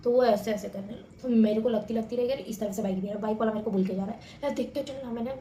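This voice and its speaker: A young woman vlogger telling stories to the camera in a chatty, animated way, often addressing her viewers as guys. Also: medium pitch, racing, echoey room, slight background noise. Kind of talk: casual storytelling to camera.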